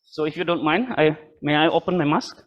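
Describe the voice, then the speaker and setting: An older man from Indonesia giving a university lecture in a room, halting with many fillers and joking asides. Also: a little high, muffled recording. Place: lecture room with a live and online audience.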